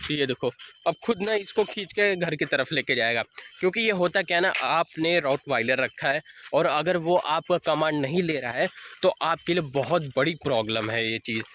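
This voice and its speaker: A young man walks his dog on an evening outing by fields, casually explaining training tips and calling to the dog for his vlog. His voice is fairly high and a bit bright, at a moderate pace. Slight background noise can be heard.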